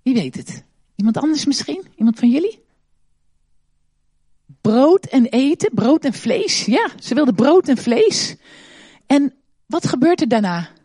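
Levendige vrouw die kinderen in de kerk vragen stelt. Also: female voice, high voice, a little slow, pauses often, husky, dry recording, studio quality. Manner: asks many questions, animated, exclaims. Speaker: children's talk leader in church service. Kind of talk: interactive children's talk.

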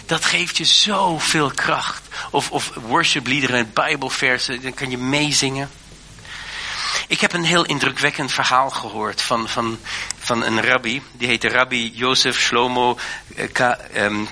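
Bright-voiced preacher man, hesitant. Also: medium pitch, a little hiss or hum. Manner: earnest, hesitant with many fillers and restarts. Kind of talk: sermon.

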